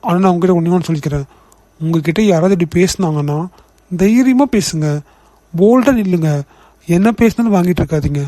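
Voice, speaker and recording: A man's voice: high-pitched, brisk, pauses often, dark tone, dry recording, natural voice. A man voicing a young office boss in a cartoon, firm, indignant and lecturing. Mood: urging. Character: young male office boss, protective and outspoken. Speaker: CEO. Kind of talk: cartoon voice acting.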